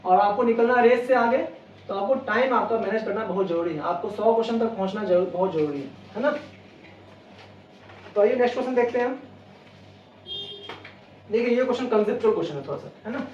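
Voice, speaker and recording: A man teaching an exam-prep maths lesson, walking through each step and repeating questions back to the viewer before answering them. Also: extremely high pitch. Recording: roomy, distant, dull lo-fi sound, faint noise.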